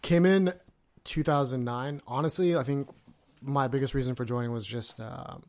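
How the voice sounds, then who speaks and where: A man's voice: medium pitch, normal speed, darkish tone. A man in his thirties from California, a Navy veteran telling his story as a podcast guest in a loose, profane way, with lots of fillers. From California, USA. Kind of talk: casual podcast interview.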